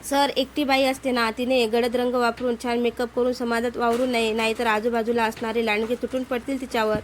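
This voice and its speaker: A woman's voice: on the high side, flat delivery, brisk, slight background noise, close to an everyday voice. A woman voicing a modest, hesitant divorced woman who keeps turning down a proposal. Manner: hesitant, pleading.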